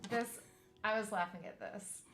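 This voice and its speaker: A woman musician chatting playfully on a livestream, quick to joke. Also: mid-range voice, fairly bright tone, faint music behind. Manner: playful, joking, apologetic. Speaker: touring musician. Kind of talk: casual chat on a livestream.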